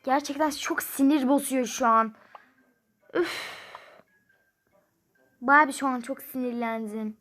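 A woman's voice: high-pitched, takes it slowly, long pauses, fairly bright tone, soft background music. A young woman playing a mobile number game, commenting casually and grumbling in frustration as she counts numbers aloud.

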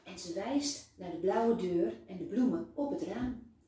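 A kindergarten teacher, a woman, reading a children's story aloud in a slow, lively storytelling manner. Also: medium pitch. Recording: very echoey room, voice far from mic.

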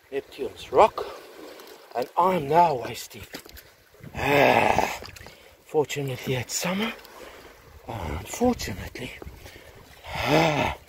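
A man wading through the sea among rocks, rambling aloud in a chatty, self-mocking stream of commentary. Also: fairly high pitch. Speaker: metal-detecting vlogger. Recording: outdoor recording with loud water noise.

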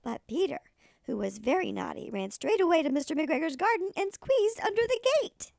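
Sweet, creaky old lady reading a storybook. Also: very high voice, lively intonation, normal speed, a little mellow, no echo, clean studio sound. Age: older. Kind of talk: expressive children's storybook reading.

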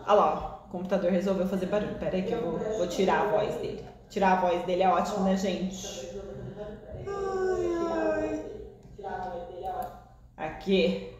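Brazilian woman, crochet teacher on a live stream; unhurried, chatty, with a recurring cough, recorded in a roomy space. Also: on the high side. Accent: Brazilian Portuguese. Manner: chatty, warm greetings to viewers, laughs often. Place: seated in a room of a shop.

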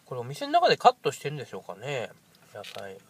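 A man in his thirties with a nasal, stuffy-nosed voice from a cold, giving a casual, halting food review to camera. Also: mid-range voice, wildly swooping pitch, fairly bright tone, slightly rough. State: congested with a cold. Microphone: camera at arm's length.

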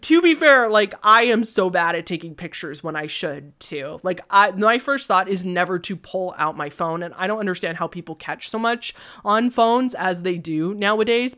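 A woman's voice: fairly low pitch, a bit bright. A young woman hosting, reading viewer scary stories aloud and chatting casually between them.

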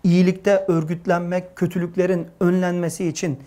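A man teaching a religious lesson to young people, earnest and emphatic, rising to forceful stresses. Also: high-pitched, little pitch movement, normal speed. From Turkey.

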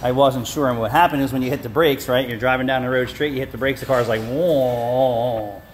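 Outdoors beside a building, a car shop owner in his fifties rants bluntly to a phone held at arm's length, vlogging to camera. His mid-range voice is fairly quick with fairly even intonation, angry, swearing and rambling. The low-quality recording carries slight background noise.

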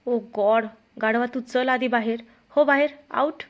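A woman reading the part of a playful, quick-tempered young husband in a story, scolding loudly when irritated. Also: on the high side. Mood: angry. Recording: dull lo-fi recording.

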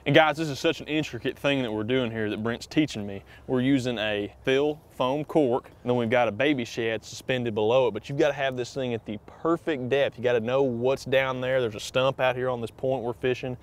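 A man's voice: mid-range voice, a little fast, hardly any pauses. A young man hosting a fishing vlog outdoors on a creek bank, enthusiastic and eager. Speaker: host.

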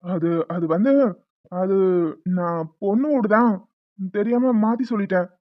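A man's voice: sits high, normal speed, no echo, phone-quality sound, close to an everyday voice. A man playing a sly, cowardly middle-aged troublemaker who stammers and hesitates when he is caught. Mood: flustered.

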